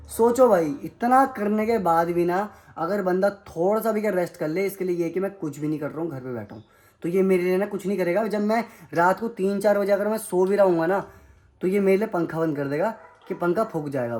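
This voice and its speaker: A man's voice: sits high, fairly quick, a little mellow. Young indian guy ranting to camera at home, heated and accusing, keeps repeating himself. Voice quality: heated, accusing, repetitive outbursts. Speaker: vlogger. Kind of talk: angry vlog rant to camera. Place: family home, indoors.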